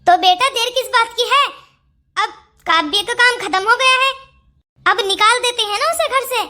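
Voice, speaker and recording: Someone voicing a sly bossy cartoon saas, super high and bright, always plotting. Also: normal speed, full character voice. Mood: scheming. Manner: scolding, plotting. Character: scheming older mother-in-law, bossy and sly. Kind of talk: Hindi cartoon voice acting.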